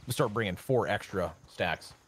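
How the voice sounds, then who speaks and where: A man's voice: on the low side, lively intonation, moderate pace, slight background noise. A man streaming a game, chatting casually with his teammates and sometimes mouthing gun noises. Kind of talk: casual gaming chat.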